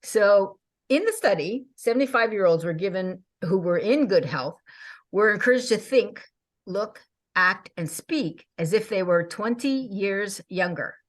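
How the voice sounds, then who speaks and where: A woman in her sixties hosting a casual chat, talking with bright enthusiasm and frequent laughs. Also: mid-range voice, animated, a little slow. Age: 60s. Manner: enthusiastic, chatty, laughs often.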